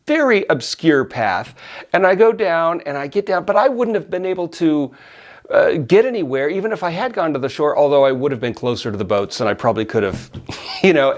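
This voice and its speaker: Middle-aged guy telling a story, lively pitch that jumps all over, keeps laughing. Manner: animated, laughs often, acts out his own yelling. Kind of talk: casual personal storytelling.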